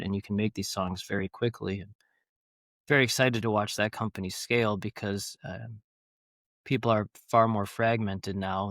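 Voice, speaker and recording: Low-voiced man rambling with enthusiasm. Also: a bit bright, dry recording, studio quality. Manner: rambling, enthusiastic, many fillers and restarts. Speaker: podcast guest, founder. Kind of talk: casual interview talk.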